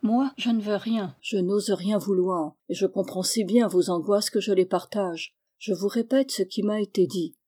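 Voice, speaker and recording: A woman reading a novel aloud in a steady, measured way. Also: medium pitch, slightly rough. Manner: steady, measured reading, rising for emotional lines. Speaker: audiobook reader.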